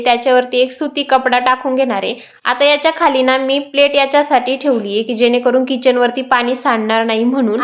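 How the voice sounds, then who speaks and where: A young woman, a mother, explaining a homemade baby food recipe step by step in her home cooking vlog. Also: high voice. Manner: sing-song baby talk to her child. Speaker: vlogger mother.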